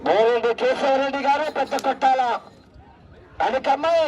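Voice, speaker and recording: Heard from a distance amid a loud crowd, traffic and outdoor racket, a man announces a race at a rural ground with exclamatory cheers, chanted cries and shouted names. He speaks at a moderate pace in a very high voice.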